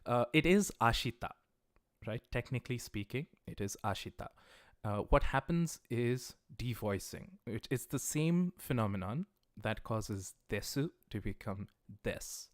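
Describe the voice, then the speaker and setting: On a clean studio recording with no room sound, a man whose first language is English leads a livestreamed Japanese class in an animated, medium-pitched voice. Patiently, he explains patterns one step at a time, reads out questions from viewers, and eases his pace to pronounce Japanese words with care.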